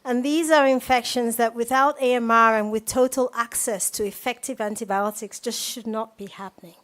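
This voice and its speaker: A woman moderating a panel, speaking in a measured way with occasional restarts. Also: on the high side, steady tone, a bit bright. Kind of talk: panel discussion.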